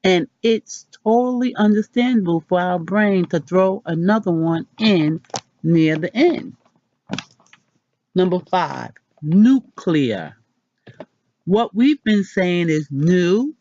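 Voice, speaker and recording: A woman hosting a casual pronunciation lesson, chatty and self-deprecating, repeating words slowly. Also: on the low side, animated, a little mellow, dry recording, dull audio. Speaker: channel host.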